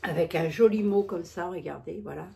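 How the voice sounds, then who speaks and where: A video creator chats casually and self-mockingly to her subscribers in an unboxing vlog, often repeating her phrases. She has a lisp, a slushy sh for s, and slightly impeded articulation. Her voice is fairly low, warm, and a little fast with vocal fry, and there's slight background noise.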